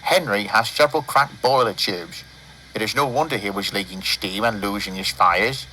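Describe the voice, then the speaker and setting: A man's voice: fairly low pitch, normal speed, a little hiss or hum, low-quality recording. A man voicing a grim, authoritative male railway boss in a storybook reading, speaking sharply. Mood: grave. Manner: sharp, commanding.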